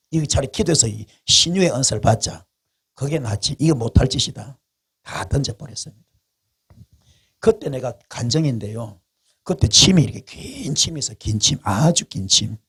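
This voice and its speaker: Gravelly, animated preaching man. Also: mid-range voice, moderate pace. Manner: colloquial, animated storytelling with repetition. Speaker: pastor. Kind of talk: revival sermon.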